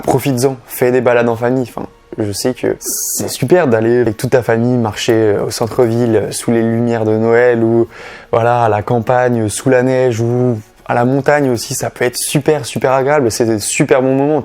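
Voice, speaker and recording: A man's voice: mid-range voice, a little mellow. A young man with a French accent giving fitness and diet tips in a casual, direct vlog, talking straight to the viewer. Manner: chatty, direct, addresses viewer informally. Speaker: fitness youtuber.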